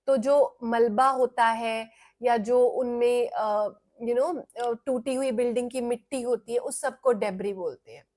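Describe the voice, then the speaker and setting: Slow-speaking Indian woman teacher. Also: fairly high pitch. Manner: slow, patient explaining, mixing Hindi and English. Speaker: online English teacher. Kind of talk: live online class for children.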